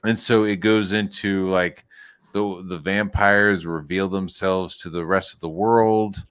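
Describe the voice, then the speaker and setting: A man's voice: low voice, steady tone, a little slow, fairly bright tone, smooth, no room sound. A man hosting a podcast, chatting casually and crudely, rambling and acting out quotes. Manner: crude, rambling, acts out quotes in exaggerated voices. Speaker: podcast host. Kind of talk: casual comedic chat.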